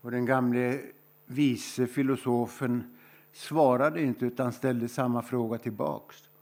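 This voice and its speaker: Swedish male preacher, mid-range voice, unhurried and thoughtful with weighty pauses. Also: mid-range voice, steady tone, a little mellow. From Sweden. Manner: slow, reflective storytelling with emphatic pauses. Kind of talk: sermon.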